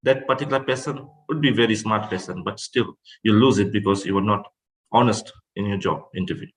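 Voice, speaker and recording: Low-voiced man presenting. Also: brisk, rough recording. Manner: instructive, repeats phrases. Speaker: guest speaker. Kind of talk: online presentation.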